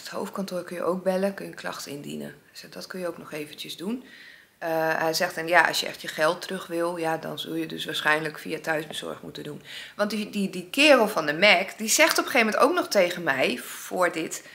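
Lady vlogging, bright voice, acts out both sides as she tells it. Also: fairly low pitch, vocal fry. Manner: animated retelling, acting out both sides of arguments. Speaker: vlogger, single mother. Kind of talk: casual storytelling to camera.

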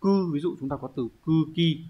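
A man teaching an online language lesson, explaining step by step at an unhurried pace and thinking aloud with pauses. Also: on the high side, dark tone. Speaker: Japanese teacher.

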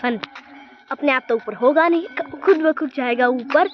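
Soft music plays behind a high-pitched woman who walks around her village at a moderate pace, vlogging on a handheld phone. She is talkative and repeatedly tells viewers to look, and the recording sounds muffled.

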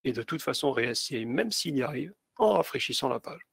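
A man giving a step-by-step software tutorial to teachers, with many small hesitations and fillers. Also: mid-range voice, animated, fairly quick, gravelly, slightly rough, dry recording. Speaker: teacher trainer. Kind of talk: screen-share tutorial.

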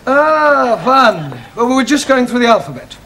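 An actor playing a patient, bemused teacher, in a sitcom scene. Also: male voice, very high voice, sing-song, moderate pace, bright, forceful tone, full character voice. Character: patient but bemused male English teacher. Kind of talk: 1970s studio sitcom acting. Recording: studio audience laughter and noise. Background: studio audience laughing.

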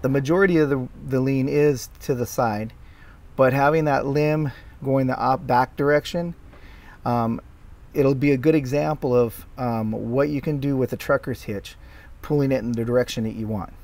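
A man's voice: mid-range voice, steady tone, moderate pace, darkish tone. A middle-aged man giving casual, explanatory voice-over commentary on his own work video, with frequent fillers and restarts. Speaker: tree care worker explaining his video.

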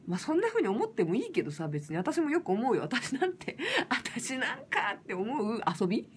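Lively woman chatting on a late livestream. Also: fairly high pitch, normal speed, slight background noise. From Fukushima. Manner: lively, rough casual speech with frequent laughs. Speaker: singer livestreaming. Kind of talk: casual late-night livestream chat.

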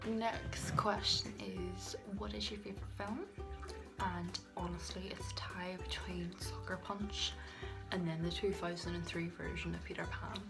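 Holding a phone camera at arm's length in a small tiled bathroom, a young woman from Northern Ireland chats casually for her vlog, giggling and making whispered asides. She speaks in a mid-range voice marked by vocal fry.

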